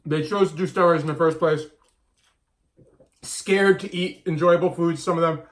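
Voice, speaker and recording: A man in his thirties with a slightly high voice, talking casually and bluntly to his camera. He hammers his points home and often says them twice. The talk is loose and unscripted. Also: fairly even intonation, normal speed. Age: 30s. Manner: blunt, emphatic, repeats himself. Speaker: vlogger and diet coach.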